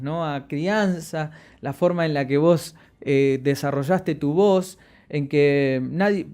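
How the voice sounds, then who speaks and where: Expressive and deliberate, this voice and media teacher lectures about projecting the voice. He pushes his pitch and loudness up and down and lingers on important words to highlight them.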